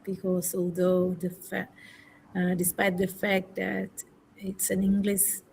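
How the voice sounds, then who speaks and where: A young Indonesian woman, a university student training to be a teacher, practices casual English conversation on a video call, thoughtful and hesitant and often correcting herself. Her medium-pitched voice is monotone, slow, slightly mellow, with vocal fry. The recording is rough, with a little hiss or hum.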